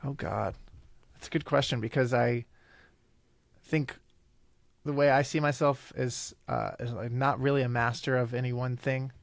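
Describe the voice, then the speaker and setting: An Italian man in his thirties, a native Italian speaker, chats casually as a podcast interview guest, pausing, restarting and rambling as he thinks aloud. His medium-pitched voice is gravelly with a bit of fry and a steady tone, recorded dry and close with no room sound.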